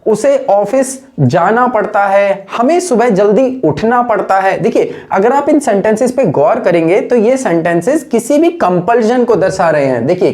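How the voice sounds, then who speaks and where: A woman teaching an English grammar lesson. She is patient, slows down to stress key phrases, and asks and answers her own questions as she explains. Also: mid-range voice, a little mellow. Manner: addresses listeners as friends.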